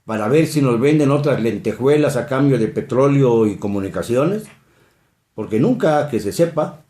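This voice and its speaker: A Mexican man giving an emphatic, indignant commentary monologue, jumping sharply in pitch on key phrases. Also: a little mellow. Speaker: political commentator. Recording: roomy echo.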